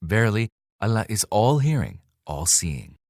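A man reading a scripture translation aloud in a measured, solemn way. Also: on the low side, big pitch swings, a little mellow, dry recording, studio quality. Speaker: scripture reader.

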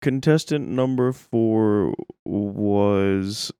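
A man voicing a strange contestant character who hums a drawn-out "mm" before every phrase in an improvised comedy game. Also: lowish voice, mellow, clean tone, no room sound, clean studio sound. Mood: slow, deliberate. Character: strange slow-talking humming male contestant.

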